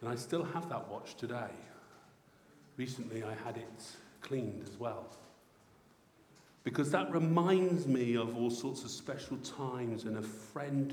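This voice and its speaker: A middle-aged man from England preaching a sermon, swinging between loud excitement and soft, reflective passages. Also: mid-range voice, normal speed, slight background noise. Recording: roomy hall echo heard from a distance.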